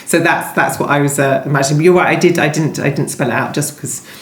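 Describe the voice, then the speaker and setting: Speaking low and quickly, a woman novelist answers interview questions in a conversational way. She thinks out loud, often hesitating and rephrasing as she goes. The sound is roomy and echoey.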